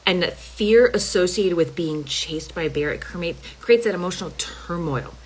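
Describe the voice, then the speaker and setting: A middle-aged woman health coach talks casually to camera in a lowish, slightly rough voice at a normal speed, captured on poor audio. She's chatty and emphatic, constantly tossing in "y'all" and checking in with "okay?"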